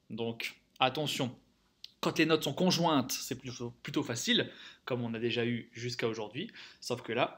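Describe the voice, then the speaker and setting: A man's voice: fairly high pitch, a bit bright. A man teaching a music theory lesson, counting rhythms aloud, singing note names and checking in often with the class.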